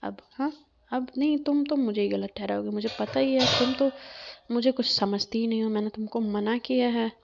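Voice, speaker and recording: A woman voicing a possessive, fiery young woman boss who scolds rapidly and angrily, in a storybook reading. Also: a little high, gravelly, muffled recording, background noise. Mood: angry.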